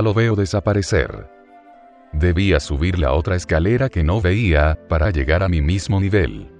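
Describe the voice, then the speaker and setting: A man with a low voice narrates a visionary account in the first person, slow and deliberate. He lingers over each detail in a measured way. Soft music plays faintly behind him.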